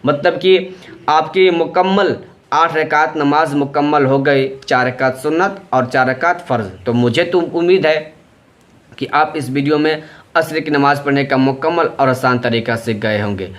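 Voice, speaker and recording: A man's voice: a little high, moderate pace. A man giving patient, step-by-step instructions for a prayer, going through each step plainly and repeating them. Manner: plain, patient, repetitive explaining. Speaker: religious teacher.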